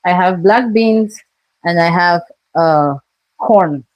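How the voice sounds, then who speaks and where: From her kitchen, a woman from Cameroon hosts a live cooking stream, greeting viewers and describing each step. Her voice sits lowish and she talks slowly, and the recording sounds muffled.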